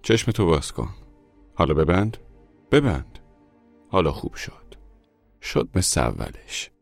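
A man voicing a brisk, matter-of-fact male eye doctor in a read story, reassuring in tone. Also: sits low, big pitch swings, creaky, no echo, faint music behind, exaggerated voice.

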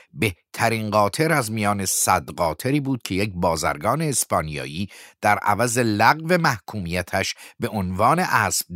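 A man narrating a novel as an audiobook, measured and often dropping to a hushed whisper. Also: low-pitched, no room sound, clean studio sound.

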